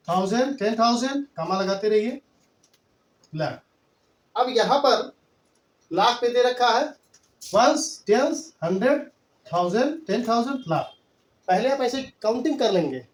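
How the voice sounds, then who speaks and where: A man teaching a maths lesson in Hindi-English mix, patiently counting out place values step by step. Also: very high-pitched. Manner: patient, repetitive counting aloud. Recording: echoey room, voice from far off.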